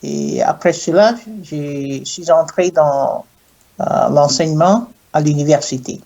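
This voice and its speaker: Slow hesitant Ghanaian clergyman. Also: on the high side, creaky, a little mellow, muffled recording. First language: English. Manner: slow, hesitant, frequent pauses and fillers. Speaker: guest, clergyman and university French teacher. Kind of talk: interview answers.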